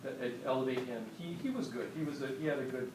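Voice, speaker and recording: A man chatting easily with a group, his pitch middling and his speech full of fillers. He sounds far from the microphone in a room with a lot of echo. Background noise sits under his voice. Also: fast. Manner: relaxed, chatty, with frequent fillers. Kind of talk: casual talk to a group. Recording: roomy, far from the mic, noisy.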